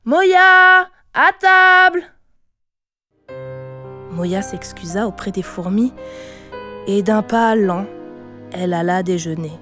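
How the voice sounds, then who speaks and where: A woman narrating a children's audiobook in a gentle, expressive reading voice. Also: on the low side, a little slow, pauses often, faint music behind. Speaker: storyteller.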